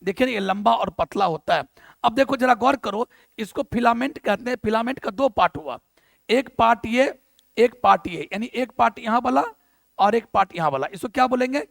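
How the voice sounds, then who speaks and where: A man's voice: extremely high pitch, lively intonation, a little fast, creaky, no echo. A male biology teacher with a Bihari Hindi accent gives a lecture on a mind map, keeps asking questions and answering them himself, and mixes in English terms.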